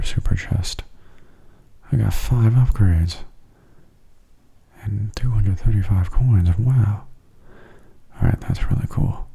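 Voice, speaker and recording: Speaking in a deep voice, this man hosts a gaming video with soft-spoken ASMR commentary. He muses slowly and calmly over the gameplay, his breathy delivery frequently dropping close to a whisper.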